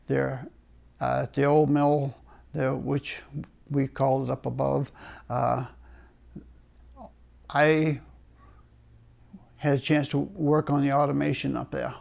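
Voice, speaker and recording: Gravelly older man with a Maine accent. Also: medium pitch, little pitch movement, takes it slowly, long pauses, a little mellow. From Maine, United States. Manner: wry, understated humour with chuckles. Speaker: retired paper mill worker being interviewed. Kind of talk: oral history storytelling.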